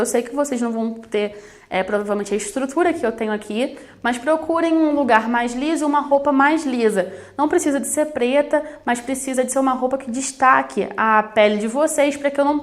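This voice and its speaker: A woman from Brazil teaching a recorded video lesson on sign language, explaining directly to the camera and addressing her students. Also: high voice. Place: studio with plain backdrop. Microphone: camera-facing studio recording.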